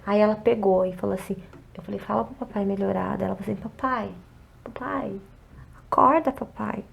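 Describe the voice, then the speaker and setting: A woman with a Brazilian Portuguese accent, an interview guest telling an emotional personal story and acting out other people's words, often softly. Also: medium pitch, little pitch movement, very fast, vocal fry, slightly rough. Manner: acts out quoted dialogue, often softly.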